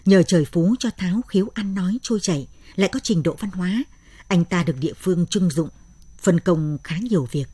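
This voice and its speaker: Brief: measured woman narrator for a late-night story, low-pitched and breathy. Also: mellow, no echo.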